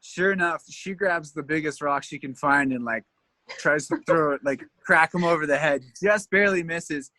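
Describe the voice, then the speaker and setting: A Canadian tour guide tells rambling stories in a casual interview, laughing often and leaning heavily on fillers. His voice is a little high, pushed, and bright, at a normal pace with no echo.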